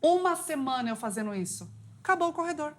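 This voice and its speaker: Speaking quickly in an expressive, fairly bright voice, a woman who is a psychologist and talk show guest relates a personal story. Her telling is heartfelt and earnest, climbing in pitch at the climactic moments.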